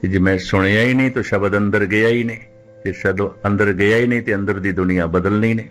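A man preaching a religious discourse in a measured, deliberate way, slowing right down when he quotes scripture. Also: on the low side, fairly even intonation, soft background music. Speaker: Sikh preacher.

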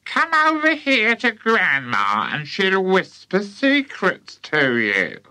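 A man voicing a gloating, menacing old grandmother with a witchy streak, in a slow, relishing, creepy drawl. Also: high-pitched, wildly swooping pitch, bright, forceful tone, no room sound, voice pushed up, full character voice.

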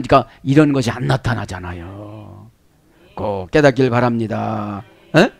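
Man, pastor, expository sermon, animated, prodding, loud-and-soft swings, somewhat high voice. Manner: animated, prodding the congregation with repeated "eh?"; swings between loud emphasis and low asides.

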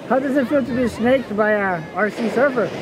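A man's voice: extremely high pitch, a little fast, music in the background. A man chatting and reacting casually in surfer slang outdoors on a beach. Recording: very noisy beach recording, loud surf.

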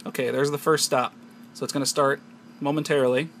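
Here an American man from the United States narrates a hands-on tech tutorial off the cuff, explaining each step in turn. His voice sits at medium pitch with a level, somewhat bright tone and a slightly quick pace, recorded as noisy amateur sound on a handheld camera.

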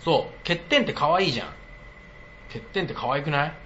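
A man's voice: on the high side, expressive, a little fast, fairly bright tone, lo-fi sound, a little hiss or hum. A man streaming live in casual chat, blunt and teasing, often breaking into laughter.

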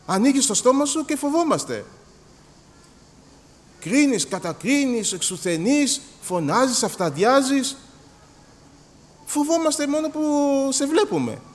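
A Greek man preaching a sermon in a church hall, animated and acting out little dialogues, repeating words as he goes. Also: extremely high pitch, pauses often. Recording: long hall reverb.

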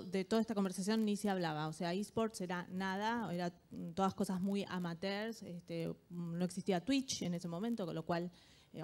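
A woman's voice: mid-range voice, darkish tone. A woman speaking as an expert panelist at a live conference. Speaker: audience specialist, panelist. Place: large auditorium stage, indoors. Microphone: handheld microphone.

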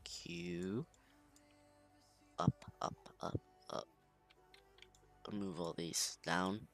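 A man hosting casual gameplay commentary at home late at night, talking quietly and half-whispering into a close microphone. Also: low voice, steady tone, extremely slow, soft background music. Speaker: gaming channel host. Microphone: desk microphone close to the mouth.

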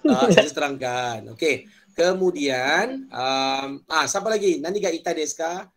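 A man's voice: a little high, expressive, unhurried. A man with a Malaysian accent teaching a playful online Japanese class, joking and drilling words by repetition.

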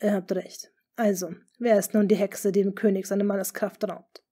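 A woman reading a sly, smooth-talking duke. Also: mid-range voice, level tone, warm tone, natural voice. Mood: scheming. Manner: smooth, measured. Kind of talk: audiobook character reading.

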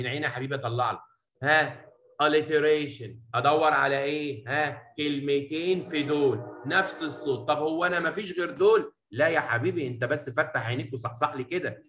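A man with an Egyptian Arabic accent teaching a poetry lesson in a classroom, talking affectionately to his students and mixing Arabic with slowly read English lines. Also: a little high, a bit bright, roomy sound, low-quality recording. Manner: affectionate, addresses students as "habibi" and "baba"; mixes Arabic explanation with slow English reading.

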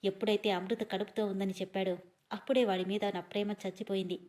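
A woman's voice: medium pitch, flat delivery, fast talker, a little mellow, lightly acted. Storybook: a female narrator playing a spoiled, short-fused young woman, snappish. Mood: angry. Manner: snappish and sulky.

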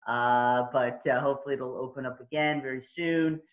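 A man's voice: medium pitch, fairly even intonation, moderate pace. A man co-hosting a video call, reassuring and joking in casual chat. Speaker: co-host, theater company. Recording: tinny phone-like video call audio.

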